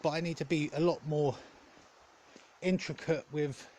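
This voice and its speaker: A man giving a casual, rambling vlog update in a hesitant, halting way, often correcting himself. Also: a little high, fairly even intonation, darkish tone, a little hiss or hum. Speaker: gaming content creator.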